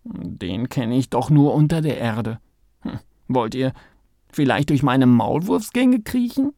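A man voicing an eager, impatient young male mole in a children's story, in a raised, excited voice. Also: unhurried, gravelly, dry recording, studio quality, heavily acted. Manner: excited, pushy, high.

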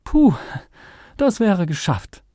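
A man voicing a careful, bossy woman archaeologist in a children's story, in a high, emphatic voice. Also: sing-song, measured pace, dark tone, no echo, studio quality. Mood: brisk.

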